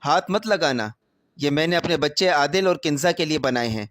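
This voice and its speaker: A man's voice: on the high side, a bit bright, no echo, studio quality, lightly acted. A man voicing a domineering mother who scolds curtly. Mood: scolding. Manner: scolding, curt. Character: domineering mother who favors one son.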